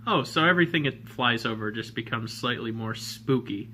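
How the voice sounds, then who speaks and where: A man's voice: medium pitch, lively intonation, moderate pace, sharp tone, a little hiss or hum. A man giving a comedic review of an old cartoon, with wry, joking asides. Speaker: retro game and cartoon reviewer.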